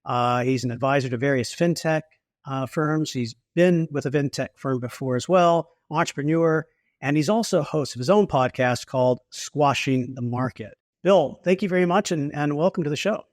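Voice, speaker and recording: A man's voice: fairly high pitch, moderate pace, dry recording, clean studio sound. A man hosting a podcast, introducing his guest and asking curious, friendly questions. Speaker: podcast host. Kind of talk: podcast interview.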